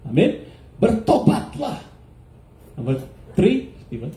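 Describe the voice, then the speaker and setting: A man's voice: sits high, very animated, a little fast, warm tone, roomy sound. A male pastor preaching a sermon, questioning his congregation, laughing often and dropping English words into his speech. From United States.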